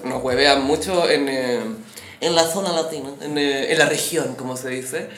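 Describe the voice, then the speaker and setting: A woman's voice: very deep voice, normal speed. Laughing Chilean woman, roomy sound. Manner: laughing often, puts on silly voices in quotes. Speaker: podcast co-host. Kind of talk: casual gossip chat.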